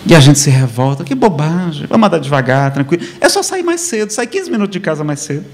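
Brazilian male lecturer, slightly high voice, wide swinging intonation, chatty preaching style that checks in with the room. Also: fast. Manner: rhetorical questions, frequent "não é?" tags; lively, conversational preaching with humor. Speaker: spiritist lecturer. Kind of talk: spiritual lecture to a live audience. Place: lecture hall before an audience.

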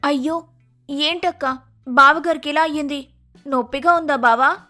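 A gushing young girl in falsetto. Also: steady tone, normal speed, pushed and bright, soft background music, full character voice. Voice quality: shrill falsetto. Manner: gushing, pushy.

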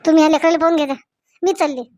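A woman playing a stubborn young daughter-in-law in a comedy sketch, pleading and quick-tempered, with a Varhadi Marathi accent. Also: sits high, fairly even intonation, darkish tone, no room sound, lightly acted. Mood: upset.

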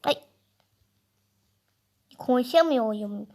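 A woman's voice: a little high, animated, takes it slowly, darkish tone. A woman giving playful game commentary, whining in fun as if she were a baby. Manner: playful, whiny, pretending to be a baby. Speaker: gaming video host.

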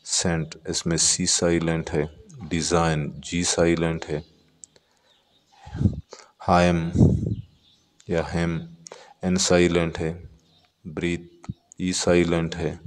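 Very slow, deep-voiced male teacher. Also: little pitch movement, in a large hall. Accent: Pakistani. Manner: reads English words slowly, then explains them in Urdu-flavoured Hindi. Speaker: English teacher. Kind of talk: textbook exercise walkthrough.

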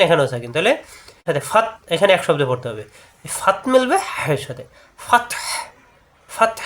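A man with a Bangladeshi Bengali accent teaching tajweed rules, explaining step by step and breaking off to chant verses slowly. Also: high voice, fairly bright tone. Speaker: Quran recitation teacher. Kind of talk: tajweed lesson with chanted recitation.

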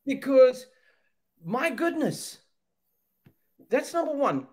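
A very high-pitched, sing-song voice moves slowly as this middle-aged man from Zambia preaches with passion. He speaks over a webcam video call indoors, repeating phrases and posing rhetorical questions with preacherly emphasis.

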